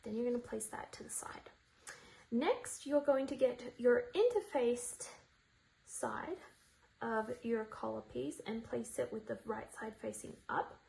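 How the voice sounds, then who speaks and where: A woman's voice: on the high side, unhurried, creaky, mellow, rough recording. A woman hosting a sewing tutorial, chatting informally and playfully as she talks viewers through each step. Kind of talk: informal step-by-step craft demonstration.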